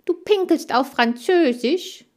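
A woman's voice: on the high side, lively intonation, a little slow, pitched above the performer's own voice. A woman voicing a naive, curious little male hamster, full of wide-eyed questions. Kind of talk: audiobook character voice.

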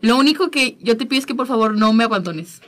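A woman, guest on a talk show, telling a personal faith story in an earnest, halting way, often repeating her words. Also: a little high, animated, a bit bright.

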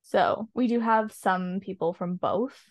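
A woman's voice: mid-range voice, measured pace, no echo. A woman chatting casually on a podcast, opinionated and rambling with lots of ums. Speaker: podcast co-host. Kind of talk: casual chat.

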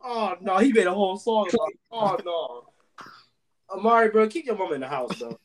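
Animated young man calling everyone bro. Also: high voice, moderate pace, a crowd in the background. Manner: animated, emphatic, ends lines with "bro". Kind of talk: casual chat.

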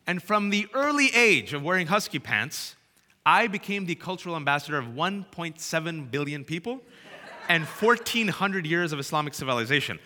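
A man, telling comic stories to a live audience and shouting out punchlines. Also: on the high side, big pitch swings, moderate pace. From Bay Area, California. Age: 30s. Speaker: speaker. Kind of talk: comic storytelling talk. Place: large hall with live audience. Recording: reverberant hall.

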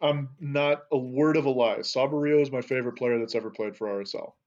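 A man's voice: mid-range voice, brisk, a little mellow. Talkative man on dull audio. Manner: talkative, tells long anecdotes. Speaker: podcast co-host. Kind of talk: casual podcast chat.

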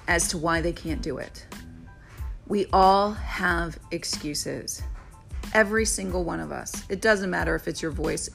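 A woman's voice: mid-range voice, fairly bright tone. Brief: friendly woman podcaster, coaching tone, conversational, light music bed. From Florida. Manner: chatty, encouraging, asks "right?" often. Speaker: podcast host; real estate agent and video coach. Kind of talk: casual solo podcast talk.

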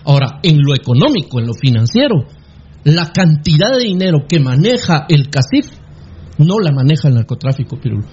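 A man's voice: fairly high pitch, very animated, brisk, darkish tone. A Guatemalan man on a sports radio panel, arguing his point insistently and cutting back in. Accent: Guatemalan Spanish. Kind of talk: heated radio debate. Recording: dull radio broadcast sound, faint noise.

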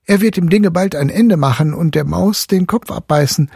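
A man voicing a lively, bold young boy who talks in an excited, boastful way. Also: fairly high pitch, normal speed, gravelly, breathy edge, no room sound, studio quality, pitched above the performer's own voice. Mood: eager.

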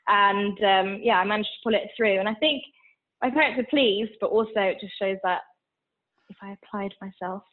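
A woman's voice: medium pitch, moderate pace. A woman in her thirties from Switzerland with a mixed international English accent, chatting candidly as an interview guest, with many fillers. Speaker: guest, founder of a business. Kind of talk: casual interview. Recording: tinny phone-like line.

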